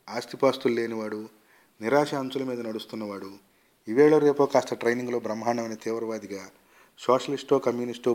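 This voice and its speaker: A man reading a short story aloud in a measured, expressive storytelling manner. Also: on the low side. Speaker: story reader.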